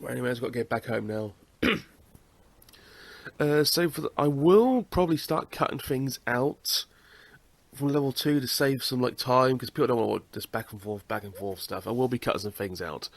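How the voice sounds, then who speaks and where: A congested young British gaming host, nose blocked by a cold, gives chatty let's-play commentary with the odd curse. He speaks at medium pitch and a moderate pace in a creaky voice, with no echo.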